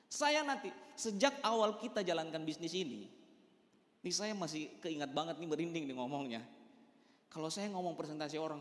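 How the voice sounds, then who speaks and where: A man giving an emphatic motivational talk to a live audience, speaking straight to them. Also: sits high. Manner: emphatic, addresses the audience directly, mixes in English words. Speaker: motivational speaker at a business meeting. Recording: echoey hall with long reverb.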